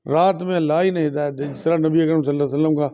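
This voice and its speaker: A man's voice: on the high side, steady tone, racing, warm tone, lo-fi sound. A man, an Islamic scholar from India, repeats questions from his listeners and answers them firmly in a religious question and answer session.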